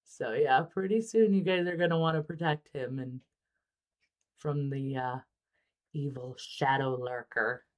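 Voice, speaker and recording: A woman hosting a casual livestream about miniature painting, relaxed and chatty with frequent ums. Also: a bass voice, measured pace.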